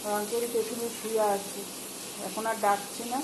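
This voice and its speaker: A woman chatting to her viewers while cooking at home, speaking softly at times. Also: medium pitch, little pitch movement, moderate pace, reverberant, noisy background. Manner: speaks softly so as not to wake the household. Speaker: vlogger. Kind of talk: casual home vlog narration. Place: home kitchen.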